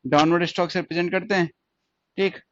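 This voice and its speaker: A man's voice: high-pitched, steady tone, fast talker, fairly bright tone, no echo. A man teaching shorthand in a classroom lesson, explaining step by step and repeating each point with checking questions. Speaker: stenography teacher. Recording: dull lo-fi dry recording.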